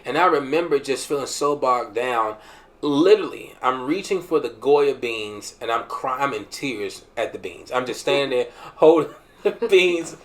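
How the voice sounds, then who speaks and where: A man's voice: mid-range voice, expressive, moderate pace. A man in his thirties, hosting a show and telling a personal testimony with humor and emotional swings. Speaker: podcast host sharing a testimony.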